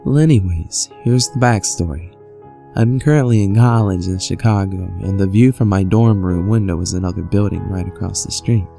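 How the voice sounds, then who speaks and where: A man's voice: low-pitched, moderate pace, gravelly, dark tone. A man reading creepy first-person stories from a script in a conversational storytelling manner. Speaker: horror story narrator. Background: music bed.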